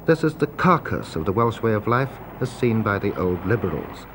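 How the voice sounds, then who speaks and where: A man's voice: fairly low pitch, big pitch swings, moderate pace. A man reporting in scripted documentary narration, in carefully written sentences. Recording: faint background noise, archive recording.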